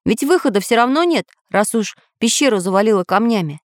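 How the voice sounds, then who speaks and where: Casting: earnest iron tinkerer from a storybook, read by a woman, practical and lively. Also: a little high, fairly quick, no echo, studio quality, lightly acted. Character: handy tin-man tinkerer who fears rust.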